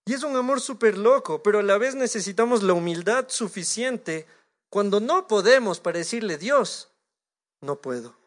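High-voiced Ecuadorian preacher, animated. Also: male voice, moderate pace. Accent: Ecuadorian Spanish. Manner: animated, acts out imagined dialogues with God. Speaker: pastor. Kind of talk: sermon.

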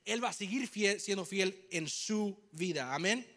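A young man preaching a sermon to a congregation, telling a personal story with animated delivery and English phrases mixed in. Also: high-pitched, unhurried. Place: church hall with congregation.

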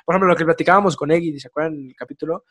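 A young man with a Mexican accent hosting a casual podcast chat, telling stories in slangy, animated talk. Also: on the high side, very fast. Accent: Mexican Spanish. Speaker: podcast host.

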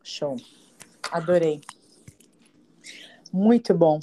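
A woman's voice: on the low side, very slow, slight background noise. A woman, a mother, co-hosting a casual podcast, agreeing often and sharing reflections. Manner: agreeable, warm affirmations, earnest reflections as a mother. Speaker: podcast co-host. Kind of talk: casual chat.

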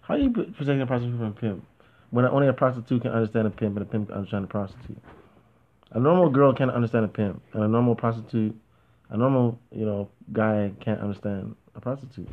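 On a casual talk show, a fast-talking man with a mid-range voice rambles and argues, peppering his speech with "you know what I mean." His voice comes through tinny, like phone audio.

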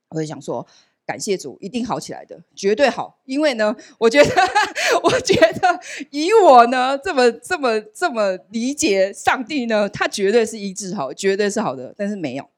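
A woman shares a personal testimony before a congregation, telling her story with animated storytelling. She acts out the voices in her dialogue. Her voice sits on the lower side, recorded dry and close. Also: no room sound. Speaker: church member sharing a testimony. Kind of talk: personal testimony at a church service.

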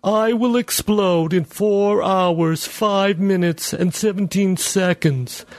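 A man reading aloud puts on a talking nuclear bomb with a trace of pride. It speaks high and unhurried, spacing each number out like a countdown, in a dry, close recording. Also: a little mellow, no echo. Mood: proud calm. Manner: slow, measured announcements.

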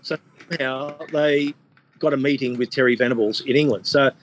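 A man's voice: medium pitch, fairly even intonation, normal speed, noisy background. A man, a sports journalist guest, telling stories in casual chat, rambling with many fillers and restarts. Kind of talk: casual podcast chat, storytelling.

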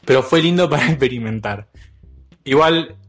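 A young man with an Argentine accent telling a story in casual chat, animated and quick to laugh. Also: mid-range voice, faint music behind. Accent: Argentine Spanish. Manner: animated, laughs often, acts out quotes.

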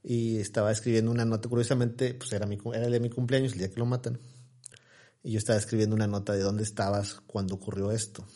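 Fast-talking man in his forties. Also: lowish voice, flat delivery, warm tone. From Mexico, Tamaulipas. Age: 40s. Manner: rambling, storytelling, many fillers and restarts. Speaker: interview guest. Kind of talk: casual interview chat.

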